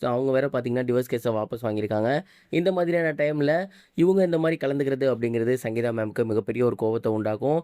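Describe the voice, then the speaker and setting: Brisk and scripted, this online gossip news presenter mixes English words into his commentary. His medium-pitched voice is smooth with a somewhat soft tone, captured in a close, dry recording without echo.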